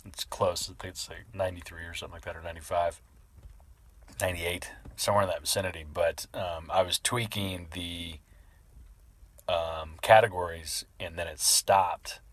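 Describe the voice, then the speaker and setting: A man's voice: sits low, steady tone, moderate pace, fairly bright tone. A man talking casually in a rambling vlog style, sneezing between remarks. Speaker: video creator.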